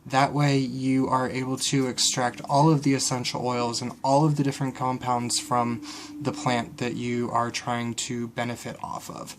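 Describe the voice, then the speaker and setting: A man with a medium-pitched, fairly flat voice talks at a moderate pace over slight background noise. In a casual how-to tutorial, he explains a kitchen home remedy step by step, conversationally and with frequent fillers.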